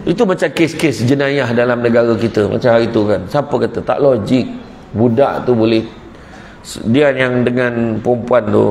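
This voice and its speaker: A man giving a religious talk, animated and repetitive, breaking into laughter as he tells stories. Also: a little high. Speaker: preacher. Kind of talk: religious talk with humorous storytelling. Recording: echoey room with faint background noise.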